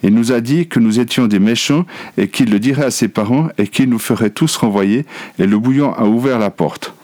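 A man's voice: medium pitch, moderate pace, a little mellow, no echo. A man reading a children's story aloud, narrating in the first person as a schoolboy. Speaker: audiobook reader.

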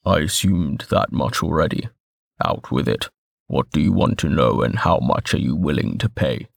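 A man voicing a blunt, smug middle-aged male information broker with a rough, gravelly voice. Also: a bass voice, sing-song, slow pace, fairly bright tone, no echo, clean studio sound, pitched below the performer's own voice, exaggerated voice. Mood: curt.

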